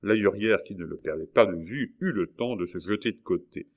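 A man narrating a novel as an audiobook reader, in a steady, measured way. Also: low voice.

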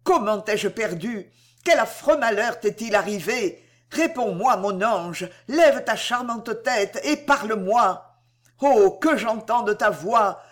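A passionate, remorseful young gentleman cries out his pleas in an audiobook, voiced by a woman reading aloud. The delivery swings widely in pitch and stays impassioned. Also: lively intonation, slow pace. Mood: pleading. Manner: impassioned, pleading outbursts.

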